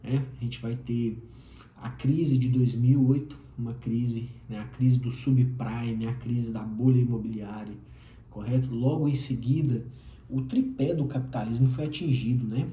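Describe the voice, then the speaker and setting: A mellow, medium-pitched man in his thirties speaks a little slowly with fairly even intonation and a Brazilian Portuguese accent. He delivers a lecturing solo explainer monologue packed with tag questions and fillers, recorded with a roomy echo.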